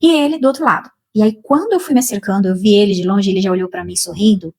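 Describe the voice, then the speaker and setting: A Brazilian woman slowly and emotionally telling a personal spiritual testimony, with many repetitions. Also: mid-range voice, darkish tone, husky. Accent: Brazilian Portuguese. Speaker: spiritual channel host.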